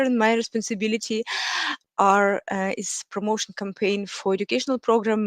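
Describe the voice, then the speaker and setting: Ukrainian woman hosting online webinar, lots of uhs, halting english, dry close mic. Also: mid-range voice, no echo. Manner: halting, many fillers, non-native phrasing. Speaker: webinar host, marketing manager. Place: home office.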